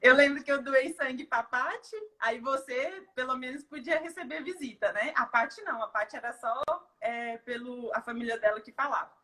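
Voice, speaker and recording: Bright-voiced woman giving a heartfelt testimony. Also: sits high, normal speed, few pauses. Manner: tearful, heartfelt storytelling with many fillers. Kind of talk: emotional personal testimony.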